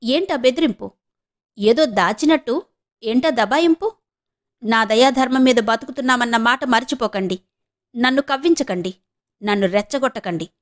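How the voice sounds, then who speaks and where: A woman's voice: on the high side, slow, darkish tone. A woman voicing a proud, domineering rich wife in an audiobook, taunting and sharply contemptuous. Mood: scornful. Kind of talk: audiobook character reading.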